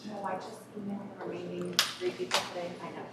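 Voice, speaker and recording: Woman board member, flat low voice, really echoey room, loud noise. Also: fast talker, distant mic.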